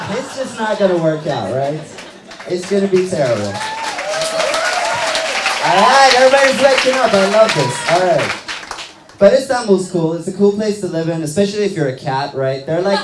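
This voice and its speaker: A man's voice: a little high, slight background noise. Iranian-born man doing stand-up, roomy club. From Iran. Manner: loose, conversational delivery full of fillers and tag questions. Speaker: stand-up comedian. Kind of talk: stand-up comedy set. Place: small comedy club stage with live audience. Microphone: handheld mic.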